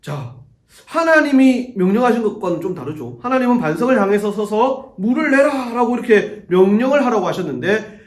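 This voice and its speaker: A man preaching to a youth group in a church sanctuary. His voice sits high and moves through a wide, lively range as he tells the story. The sound rings around the room with a clear echo. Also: fairly quick. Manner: animated storytelling, acts out quoted voices. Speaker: youth pastor. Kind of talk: sermon to teenagers.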